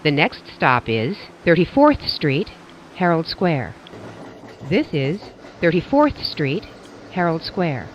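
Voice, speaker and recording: A subway announcer's prerecorded voice, spliced together word by word so the station names pop out in a different pitch, heard through a train speaker. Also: takes it slowly. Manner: even, carefully enunciated announcer delivery. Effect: spliced together prerecorded words, station names jump in pitch. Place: inside a subway train car. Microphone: train public-address speaker. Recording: muffled train loudspeaker with faint rumble.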